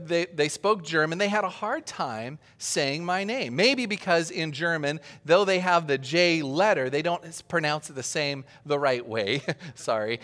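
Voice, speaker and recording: A pastor from Austria delivers a conversational sermon, chatty and joking, and asks the audience questions. His voice is high-pitched and fairly bright, carried by the long reverb of a large hall.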